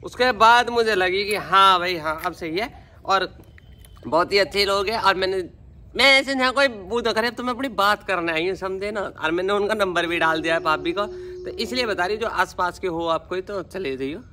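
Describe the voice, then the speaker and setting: A woman's voice: mid-range voice, normal speed, bright, forceful tone, slight background noise. A woman with a Haryanvi accent chatting casually to her viewers in a vlog, calling them brother. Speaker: vlogger.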